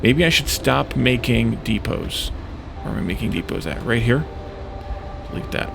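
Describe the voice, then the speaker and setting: The recording is very noisy, with game music behind a let's play host giving casual commentary. His mid-range voice is creaky and expressive at a normal speed, and he muses to himself in short bits.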